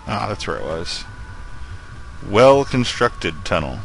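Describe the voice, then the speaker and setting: Guy thinking out loud over a game, lowish crisp voice, little bit of noise. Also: big pitch swings, slow, poor audio. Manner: musing aloud to himself. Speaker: let's play commentator. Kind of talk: casual game commentary.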